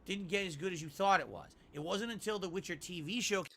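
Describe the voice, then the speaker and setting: A man's voice: sits high, a little fast, bright, forceful tone. A man streaming about video games, ranting in an unhinged, emphatic way and repeating himself to his viewers. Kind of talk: opinionated rant to stream viewers.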